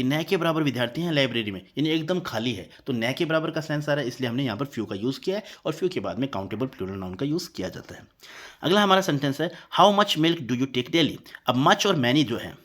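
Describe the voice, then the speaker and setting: A man teaching English grammar in an explaining lesson style, with a voice of middling pitch. He reads each example sentence slowly and deliberately. He then explains it in a steady teacherly manner and checks in with his students often.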